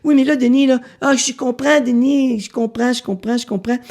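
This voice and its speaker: A keen but doubting male listener presses for answers in a raised, hurried voice, repeating himself as he pushes, as a Québécois man puts him on. He sounds both eager and insistent. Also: very high voice, steady tone, a little mellow, pitched above the performer's own voice. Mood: pressing. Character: eager, skeptical male listener asking questions.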